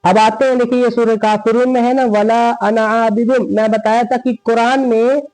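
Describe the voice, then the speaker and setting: High pitched guy teaching quran reading, slow drawn-out syllables, dry close sound. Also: little pitch movement, a little mellow, no room sound, low-quality recording. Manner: slow, drawn-out spelling of syllables, repeats words often; asks the viewers questions and answers them himself. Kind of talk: step-by-step recitation lesson.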